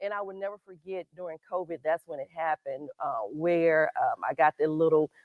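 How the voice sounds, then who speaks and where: A woman's voice: low-pitched, fairly even intonation, brisk, no echo. A fitness coach in her fifties chats enthusiastically as a guest, dotting her talk with ums. Her voice sounds dry and tinny, as if it were coming over a phone. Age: 50s. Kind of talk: casual interview chat.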